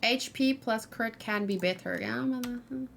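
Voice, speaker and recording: Her voice is on the high side, gravelly yet fairly bright, at normal speed, as this gaming streamer and host thinks out loud in relaxed chat and frequently mutters to herself. Noise, typing and clicking run through the recording.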